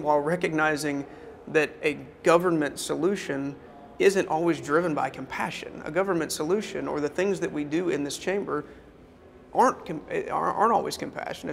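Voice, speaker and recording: A man in an interview speaks earnestly about his work in the state senate, often stopping and restarting his sentences. His voice is gravelly and a little high, with faint noise behind it. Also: a bit bright. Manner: earnest, halting, with many restarts. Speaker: state senator and floor leader guest. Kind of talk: interview talk.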